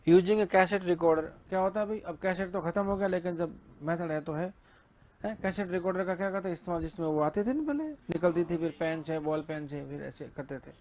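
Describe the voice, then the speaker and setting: Man, high-pitched, Hindi accent, lecture, keeps asking questions and answering them himself. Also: fairly quick, a little mellow. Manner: asks and answers his own questions, mixing in read-out English. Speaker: English teacher. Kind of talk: exam-prep lecture.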